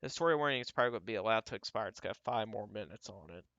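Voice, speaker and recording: A man giving casual, off-the-cuff live weather radar commentary as a livestream storm tracker, halting and repeating himself as he talks through what he scans. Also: fairly low pitch, animated, creaky, fairly bright tone, no echo, dull audio. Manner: talks to himself while scanning, halting and repetitive.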